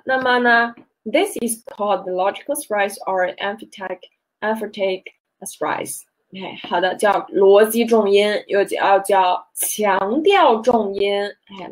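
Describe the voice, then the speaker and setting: Woman teacher, unhurried pace, bilingual Mandarin lesson with English asides, lots of filler sounds. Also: medium pitch, poor audio. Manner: slow, drawn-out teaching with frequent fillers and checks; mixes English glosses into Mandarin explanations. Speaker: Chinese teacher.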